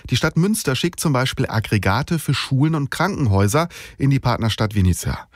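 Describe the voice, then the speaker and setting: A man files a radio news report in a matter-of-fact, explanatory way. His voice sits at a middle pitch. The sound is dry and close. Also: expressive, brisk, dry recording.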